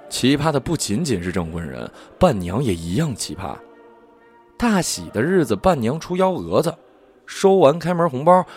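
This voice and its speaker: A man narrating a humorous story in a wry, colloquial, expressive way. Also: medium pitch.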